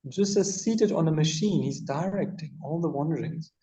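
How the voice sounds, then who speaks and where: A man giving an extempore religious discourse as a spiritual teacher, haltingly repeating words, over a muffled online call. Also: a little high, mellow.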